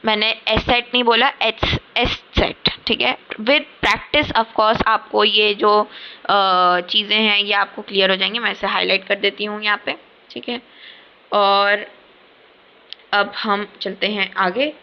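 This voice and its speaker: A woman gives a casual beginners' lesson, patient and often checking that her viewers follow. Her voice sits at a middle pitch. The audio is a bit dull and lo-fi, like a simple desk mic on a screen recording. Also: fairly even intonation, a little slow, clean tone. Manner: patient, repeats "theek hai" often. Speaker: language teacher.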